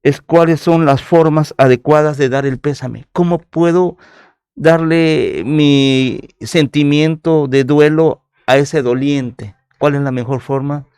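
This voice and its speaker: A man hosting a radio interview, asking questions in a measured, formal way. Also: on the high side, steady tone, a little mellow, smooth, dry recording, studio quality. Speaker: radio host.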